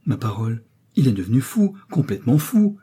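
A man reading a storybook, voicing an anxious older woman, the scientist's wife, in a fretful, hushed way. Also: medium pitch, a little fast, slightly rough.

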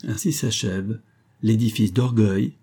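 A male audiobook narrator reading a literary story with a measured, even delivery. His voice sits low and sounds husky. The timbre is dark and mellow.

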